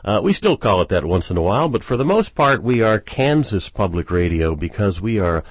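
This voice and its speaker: Animated low-voiced man urging listeners to give. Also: a little fast, dry recording. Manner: lively storytelling, upbeat appeals. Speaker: public radio pledge drive host. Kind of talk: casual pledge drive chat.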